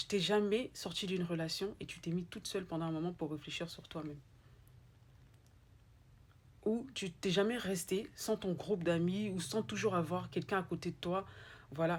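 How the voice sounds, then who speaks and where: A woman's voice: lowish voice, husky. A woman with an Ivorian French accent giving a motivational monologue, emphatic and repeating her points straight to the listener. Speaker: motivational speaker.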